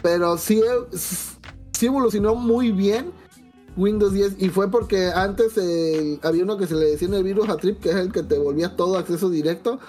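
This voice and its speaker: A woman's voice: medium pitch, moderate pace, faint music behind. Slangy Mexican woman telling stories. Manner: slangy, profane, animated anecdotes with quoted dialogue. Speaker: podcast guest. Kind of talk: casual storytelling chat.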